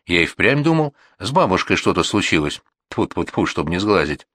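A man's voice: deep voice, sing-song, moderate pace, a bit bright, no echo, clean studio sound, exaggerated voice. A man voicing a hot-tempered middle-aged father in an audiobook, brusque and blustering. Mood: grumbling. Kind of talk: audiobook reading.

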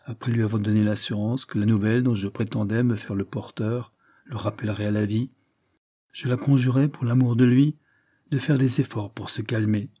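A man reading a novel aloud in an earnest, measured first-person narration. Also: fairly low pitch, fairly even intonation, dark tone, dry recording, clean studio sound. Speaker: audiobook narrator.

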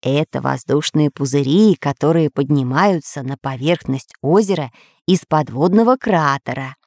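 A woman doing a low, calm old professor. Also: normal speed, no room sound. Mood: calm explaining. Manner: calm, explaining, reassuring. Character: calm, wise old male professor scientist.

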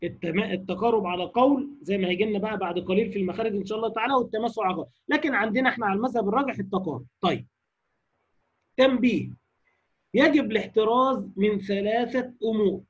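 An Egyptian man gives a recitation lecture in a high, husky voice. He puts questions to the class, then slowly demonstrates each word. The recording is dull and lo-fi. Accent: Egyptian Arabic. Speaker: Quran recitation teacher. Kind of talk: lecture on tajweed rules.

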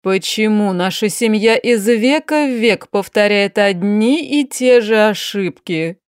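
A woman voicing a weary, imperious aristocratic aunt, a duchess, in an audiobook, speaking in drawn-out, exasperated, emphatic tones. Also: medium pitch, clear, resonant tone, dry recording, clean studio sound, natural voice. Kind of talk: audiobook character voice.

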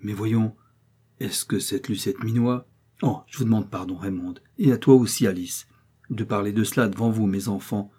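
A man's voice: lowish voice, moderate pace, dark tone, breathy edge. A man doing a trusting old marquis, kindly and naive. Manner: kindly, earnest. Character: older trusting male marquis, fatherly and naive.

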